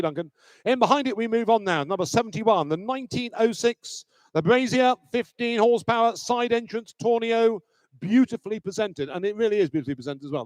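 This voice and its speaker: High-pitched male auctioneer. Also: dry recording. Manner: repetitive chanting of bids, firm and commanding. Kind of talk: live auction bid-calling with repeated numbers. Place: live auction sale room.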